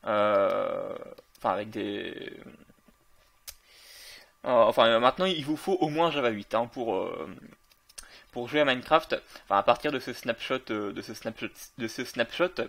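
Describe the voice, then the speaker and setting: A man's voice: mid-range voice, expressive, measured pace, vocal fry, long pauses, fairly bright tone. A man casually commenting on a video game while playing, with many fillers and self-corrections. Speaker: gaming video creator.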